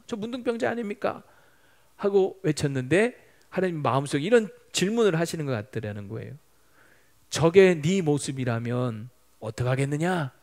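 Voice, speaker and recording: A man's voice: a little high, darkish tone. A middle-aged male pastor preaching a Sunday sermon in a church, telling a story and acting out the prayers of the people in it. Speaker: senior pastor. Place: church sanctuary.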